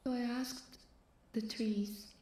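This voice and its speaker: A woman narrating a performance piece in a slow, breathy, half-whispered delivery. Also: on the high side, steady tone, warm tone. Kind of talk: performed spoken-word narration. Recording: very echoey performance hall.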